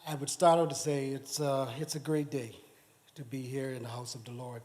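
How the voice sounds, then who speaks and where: A middle-aged man from the Bahamas giving a personal testimony in church, speaking haltingly with many restarts. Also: medium pitch, little pitch movement, darkish tone. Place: church sanctuary.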